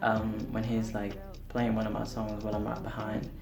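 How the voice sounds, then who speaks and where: With music in the background and a roomy echo, this man, whose first language is Portuguese, speaks frankly and somewhat self-mockingly to the camera in a laid-back vlog. He's a singer-songwriter. His gravelly, fairly low voice is delivered completely flat at normal speed.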